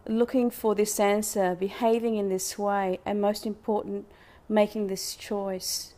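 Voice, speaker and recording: A woman with a medium-pitched voice gives an oracle card reading in the manner of a fortune teller. She speaks to live viewers in a reflective, spiritual way, wandering between the wording of the cards and her own thoughts. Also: level tone, measured pace, warm tone. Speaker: oracle card reader hosting a live session.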